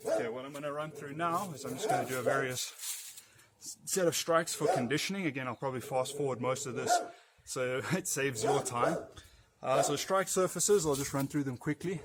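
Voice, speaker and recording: Man instructing over loud background noise. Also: medium pitch. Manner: practical, loose and unscripted, with fillers. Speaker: martial arts instructor. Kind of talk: demonstrating and explaining training.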